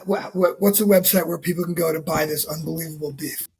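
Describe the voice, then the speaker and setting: A man hosting an interview, chiming in with quick agreements and eager follow-up questions. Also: a little high, steady tone, vocal fry, darkish tone, a little hiss or hum. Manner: frequent short agreements, eager. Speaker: podcast host. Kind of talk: casual interview.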